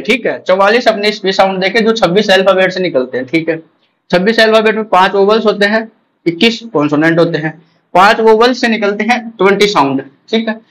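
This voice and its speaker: High-voiced Indian man teaching. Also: fairly bright tone, rough recording. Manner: drills with repeated questions and answers. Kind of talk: exam-prep lecture.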